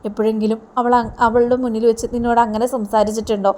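A woman's voice: a little high, flat delivery, fast, dark tone, lightly acted. A woman voicing a worried middle-aged mother pleading with her daughter to give up on a man. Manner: pleading, lecturing.

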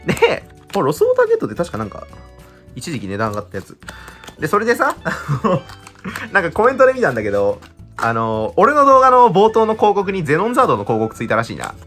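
Excitable young man, wildly swinging pitch. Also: quick pace, soft background music. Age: 20s. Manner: excitable, chatty, laughs often. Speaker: YouTuber opening card packs. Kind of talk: casual chat while unboxing.

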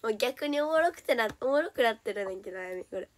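Hoarse young Kansai woman chatting on stream. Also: on the high side, lively intonation, fast talker. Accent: Kansai Japanese. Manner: chatty and giggly, slipping often into soft whispers. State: hoarse, voice lower than usual. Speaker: idol livestreamer. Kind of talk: casual solo livestream chat.

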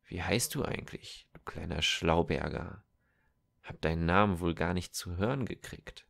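A man's voice: sits low, moderate pace, vocal fry, a bit bright. A man reading a cruel, mocking soldier on horseback in an audiobook, sneering and threatening.

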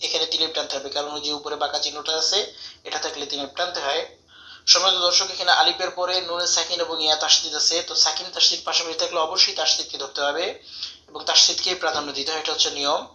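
A man teaching tajweed, spelling out Arabic letters syllable by syllable and chanting verses slowly. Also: fairly high pitch, flat delivery, bright, forceful tone. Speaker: Quran recitation teacher. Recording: roomy echo, dull lo-fi sound.

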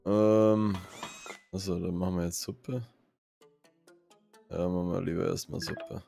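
A man with a fairly low voice talks his way through a video game. He chats casually and reads the game text aloud in a steady flow. Loud game music plays beneath him throughout. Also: a little slow, vocal fry. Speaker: let's play gamer. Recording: gameplay recording with loud game music underneath.

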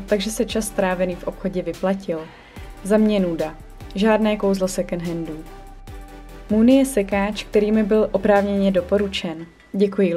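Upbeat young woman with a mellow voice. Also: medium pitch. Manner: upbeat, chatty, enthusiastic reviewing. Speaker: vlogger and online secondhand shop owner. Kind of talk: scripted vlog voice-over. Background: faint background music.

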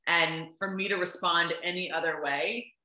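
A woman's voice: on the low side, steady tone, moderate pace, bright, forceful tone, reverberant, poor audio. A woman in her thirties, a sports reporter, chatting enthusiastically over a video call and telling stories with lots of "um" and "like". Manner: enthusiastic, storytelling, frequent "um" and "like". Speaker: baseball sideline reporter and guest. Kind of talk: casual interview chat. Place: home room, on a video call.

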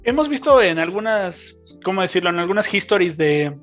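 Relaxed podcast host with a Mexican Spanish accent. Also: mid-range voice, brisk, soft background music. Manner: relaxed questioning, tag questions and filler restarts. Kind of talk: casual podcast interview.

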